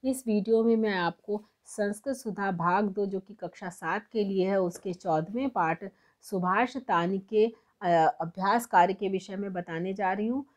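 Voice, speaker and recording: A woman teaching as a tutor, explaining textbook exercises step by step and slowing down to read verses aloud. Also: medium pitch. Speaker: Sanskrit tutor.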